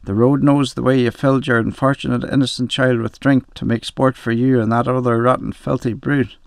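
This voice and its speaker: A man's voice: medium pitch, level tone, fairly quick, vocal fry, clear, resonant tone, dry recording, studio quality, lightly acted. A man voicing a furious, bitter mother who accuses her husband in a story reading. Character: raging bitter mother, hysterical.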